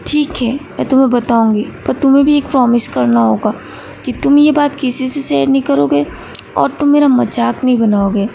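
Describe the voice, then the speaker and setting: A woman voicing a shy, tearful young female college student who speaks in hesitant, halting bits, with a high, gravelly voice. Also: dark tone, a little hiss or hum.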